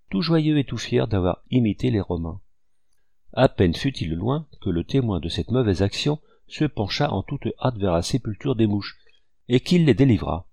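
Gravelly low-voiced man reading a tale. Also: a little mellow, no echo. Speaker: audiobook reader. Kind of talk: storybook reading.

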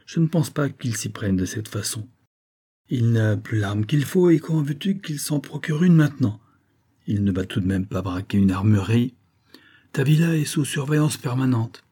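A man's voice: medium pitch, animated, moderate pace, warm tone, breathy edge. A man reading the part of a streetwise female police captain who talks bluntly and matter-of-factly. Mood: reassuring. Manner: blunt, slangy, matter-of-fact.

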